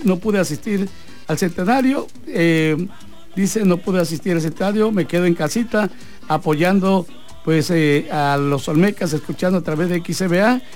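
A man's voice: sits high, a little mellow. A Mexican man hosting a sports radio show from a radio booth, chatting and reading out listener messages. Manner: chatty, reads messages aloud and adds advice.

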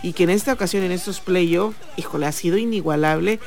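Lively Mexican woman hosting sports radio. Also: on the low side, quick pace, faint music behind. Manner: lively, leads the conversation and asks co-hosts questions. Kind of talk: radio talk about baseball. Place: radio booth.

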